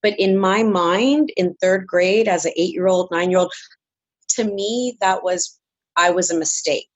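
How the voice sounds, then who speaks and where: A woman from San Francisco speaks as an interview guest, earnest and reflective, with frequent "um"s and "you know"s. Her voice sits somewhat low. The recording is dry with no room sound. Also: a little slow, breathy edge, no echo, lo-fi sound. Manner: earnest, reflective, many fillers. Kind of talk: interview answers.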